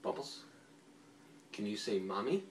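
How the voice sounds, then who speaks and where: A woman off camera softly prompting a toddler to say words in a home video. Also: extremely low pitch, sing-song, unhurried. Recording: distant echoey room with background noise.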